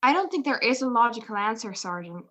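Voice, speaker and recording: A woman's voice: fairly high pitch, lively intonation, fairly quick, pushed and bright. A woman playing a poised, teasing, affectionate detective's wife in a radio play. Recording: muffled video-call recording.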